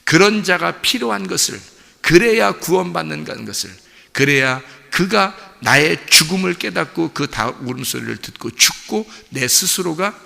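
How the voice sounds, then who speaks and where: A man preaching a dawn sermon as pastor, animated, asking the congregation questions and acting out the people he speaks of. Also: fairly high pitch, normal speed, vocal fry, in a large hall. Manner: animated preaching, acts out voices, asks the congregation.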